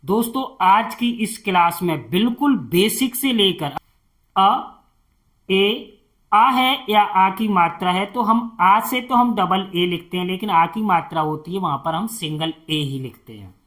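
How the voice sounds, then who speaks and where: A tutor teaching beginners to spell names, talking slowly, repeating each word and answering his own questions. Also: high voice, expressive, a bit bright.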